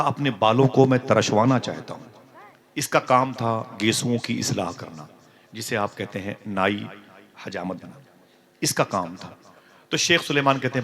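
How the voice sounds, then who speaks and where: A man giving a religious sermon, telling a story with acted-out dialogue and sudden loud, emotional outbursts. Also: fairly low pitch. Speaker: preacher.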